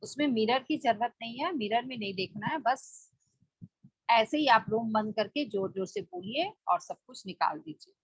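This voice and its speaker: A woman's voice: a little high, expressive, normal speed, slightly rough, no echo. A woman leading a spoken book study, explaining plainly with rhetorical questions. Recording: dull lo-fi dry recording.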